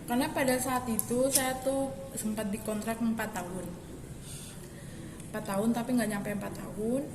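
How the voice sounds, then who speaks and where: A young woman being interviewed tells her story casually, her slightly high voice steady in tone and at normal speed. She rambles a little, with many restarts and fillers. The setting is an echoey hall with background noise.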